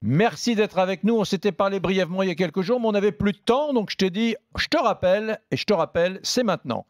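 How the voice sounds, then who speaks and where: High-voiced male radio host. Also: lively intonation. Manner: friendly, brisk questioning. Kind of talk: radio interview.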